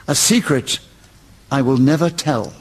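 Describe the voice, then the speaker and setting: A man chairing a comedy radio panel game, brisk and genial, often chuckling as he gives out points. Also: medium pitch, husky. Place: radio studio with live audience.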